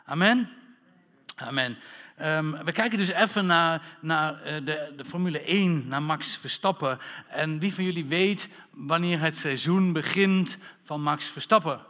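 A man leads a church sermon as its pastor. His voice sits a little high and stays lively, full of wordplay and calls for amen. The recording carries the long reverb of a church hall. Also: unhurried.

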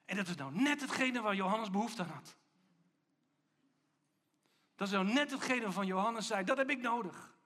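A man's voice: high-pitched, animated, normal speed, long pauses, pushed and bright. A man preaching a sermon, emphatic and full of rhetorical questions.

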